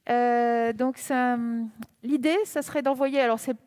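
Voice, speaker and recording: A woman panelist answering a question thoughtfully, pausing with fillers. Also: high-pitched, steady tone, a little mellow, clean tone, no echo. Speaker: panel speaker, scientist.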